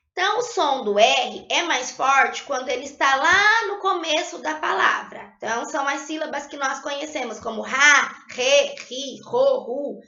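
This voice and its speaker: High bright-voiced woman teaching spelling. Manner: patient, tags sentences with "tá?"; sounds out syllables slowly and clearly. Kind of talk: recorded Portuguese spelling lesson. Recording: lo-fi echoey room.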